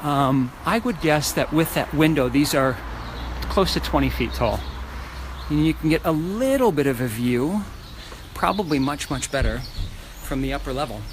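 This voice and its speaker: A man's voice: on the high side, animated, normal speed. A man working as a real estate agent, chatting casually and with enthusiasm to live viewers as he walks through a house tour. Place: walking through a large house and its outdoor areas. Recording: noisy live phone video, ambient traffic noise.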